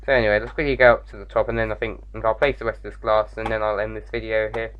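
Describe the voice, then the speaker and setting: A man's voice: lowish voice, flat delivery, very fast, muffled recording, a little hiss or hum. A man giving casual gameplay commentary, rambling with many fillers and self-mocking jokes, his voice wearing out late at night. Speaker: gaming YouTuber.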